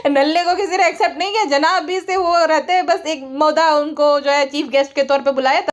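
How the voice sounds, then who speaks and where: A woman's voice: high-pitched, steady tone, normal speed. A woman giving a sarcastic, mocking gossip commentary and mimicking the people she criticizes. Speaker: online commentator.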